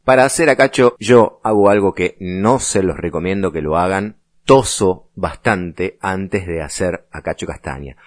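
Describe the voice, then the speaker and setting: A man with a Rioplatense Argentine accent teaching a lesson on vocal impressions in a playful, lively way. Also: low-pitched, measured pace, dry recording, clean studio sound, soft background music. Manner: lively and playful, slipping into voices.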